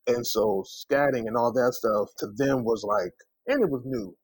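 A man with a mid-range, slightly breathy voice talks at a normal speed, with no room sound on the recording. Interviewed as a singer, he tells casual anecdotes, acts out the dialogue, and keeps dropping in asides like "you know" and "man."

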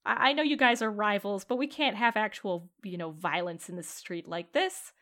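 A woman's voice: mid-range voice, normal speed, close to an everyday voice. A woman voicing a huge male centaur police officer who orders a crowd around. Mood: weary. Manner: bossy crowd-clearing shouts.

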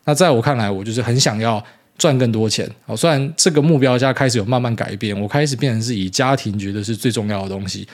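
A man's voice: mid-range voice, quick pace. A man in his thirties with a Taiwanese Mandarin accent, hosting a casual solo podcast in a rambling, blunt way with mild swearing. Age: 30s. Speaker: podcast host.

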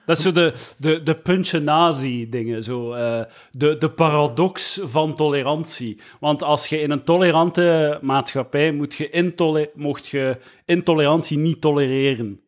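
A man's voice: on the high side, measured pace, hardly any pauses. A young Flemish man co-hosting a podcast in casual chat, rambling with many fillers and restarts. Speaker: podcast co-host.

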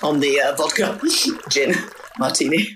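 A woman's voice: low-pitched, unhurried, fairly bright tone, a little hiss or hum. A woman playing a tipsy, posh celebrity chef who hiccups, slurs and rambles in a comedy radio sketch. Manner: slurring, hiccuping, rambling, theatrical.

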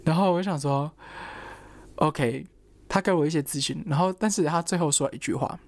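Speaking at a normal speed in a mid-range voice with a darkish tone, a young adult student recounts a personal story casually. There's no room sound. The delivery is chatty, full of quotes from others and fillers like "然后" and "anyway" tying ideas together.

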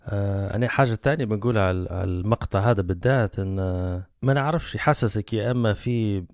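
A man's voice: lowish voice, fast, no room sound, studio quality. A Libyan man hosting a podcast, eager and given to musing aloud about his thoughts. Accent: Libyan Arabic. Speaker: podcast host. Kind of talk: casual podcast conversation.

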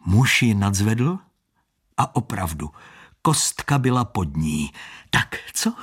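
A man narrating an audiobook story in an expressive, shifting storytelling manner. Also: on the low side, slightly rough.

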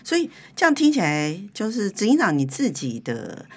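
A woman's voice: mid-range voice, wildly swooping pitch, moderate pace. A woman hosting a conversational studio interview, restating what the guest says and putting questions to her. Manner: frequent short listening acknowledgements. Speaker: interview host. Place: recording studio.

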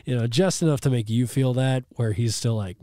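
Male game master, casual and rambling, mid-pitched, dry close recording. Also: brisk, warm tone, dry recording. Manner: casual, chatty, lots of fillers and self-corrections. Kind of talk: narrating a tabletop game.

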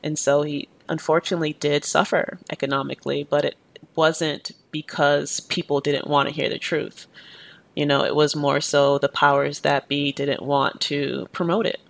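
Speaking with a low, gravelly, level voice at a moderate pace, a woman in her thirties responds to interview questions, often dropping in "you know." Born in Jamaica, she is an educator and activist, and her answers are thoughtful and earnest. There's no room sound.

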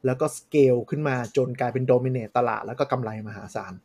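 A man's voice: medium pitch, fairly even intonation, moderate pace, darkish tone. A man co-hosting a podcast in casual chat, frankly explaining things with examples. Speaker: podcast co-host.

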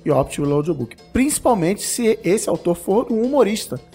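A man's voice: high-pitched, sing-song, normal speed, dark tone, slightly rough, faint music behind. A man, chatting enthusiastically as a podcast panelist. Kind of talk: casual chat.

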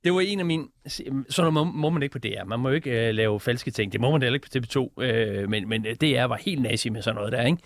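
A man's voice: medium pitch, lively intonation, hardly any pauses, no echo. A man, a radio show guest, telling long rambling anecdotes in casual comedic chat, with many fillers.

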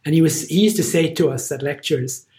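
This middle-aged Irish man, a physician appearing as a guest on a podcast interview, has a slightly high, mellow voice and talks fairly quickly. He speaks earnestly and hammers his points home by repeating them.

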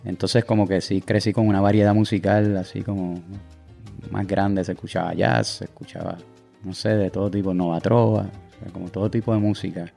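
A Puerto Rican man answering interview questions in a relaxed, halting way with many fillers. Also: low-pitched, gravelly, faint music behind. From Puerto Rico. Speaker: guest artist.

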